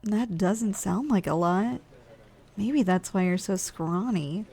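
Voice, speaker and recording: A woman with a medium-pitched, warm, husky voice speaks slowly, playing a weary giantess office worker who craves snacks. It's a chatty, teasing ASMR roleplay monologue, and her mood is curious and musing.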